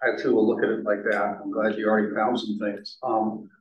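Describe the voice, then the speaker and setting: A man's voice: fairly low pitch, little pitch movement, a little fast, highs cut off. Board member guy chatting with lots of uhs, roomy echo. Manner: conversational, hesitant fillers. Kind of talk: public meeting discussion. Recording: echoey meeting room, distant mic.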